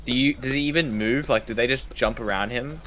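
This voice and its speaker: A man joking excitedly in a casual live-stream chat. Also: medium pitch, fairly quick.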